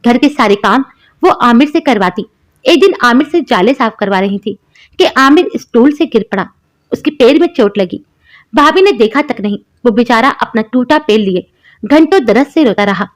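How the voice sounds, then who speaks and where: A young woman narrating a first-person story in a steady, emotional storytelling manner. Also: fairly high pitch, moderate pace. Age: young adult.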